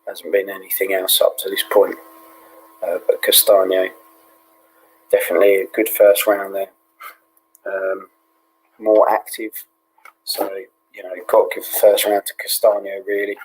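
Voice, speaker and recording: A British man hosting a live fight watch-along in a hushed, half-whispered voice, relaxed and full of ums and yeahs. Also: deep voice, normal speed, long pauses, a little hiss or hum, poor audio. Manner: relaxed, with many fillers like um and yeah. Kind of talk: low-key live fight commentary.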